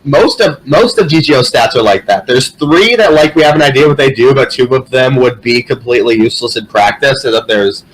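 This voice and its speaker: A man's voice: mid-range voice, animated, fairly quick, hardly any pauses, breathy edge, poor audio. A man chatting casually as a podcast co-host, in a rambling, sweary way. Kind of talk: casual chat about games and anime.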